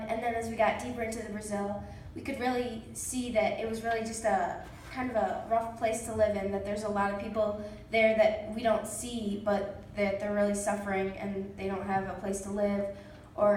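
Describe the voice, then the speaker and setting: A young adult woman giving a casual, chatty recap to an audience, with lots of "like" in her phrasing. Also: medium pitch. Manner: filler-heavy, youthful, chatty phrasing with frequent "like". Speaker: event participant giving a short report. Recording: very echoey room, distant mic, faint noise.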